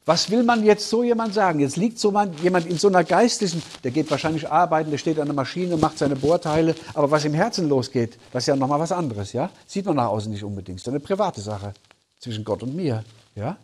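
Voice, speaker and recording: A man with a somewhat raised, husky voice teaches scripture in a sermon. He speaks earnestly and explains step by step, pausing to check in with his listeners. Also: on the high side, darkish tone. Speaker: Bible teacher. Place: conference hall.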